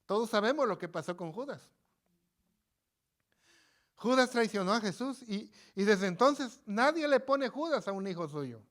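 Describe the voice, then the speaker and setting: A man's voice: sits high, lively intonation, a little slow, pauses often, fairly bright tone. A man preaching in a church, folksy and conversational, who often repeats himself and banters with his congregation. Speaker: pastor. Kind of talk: informal live sermon. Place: church sanctuary.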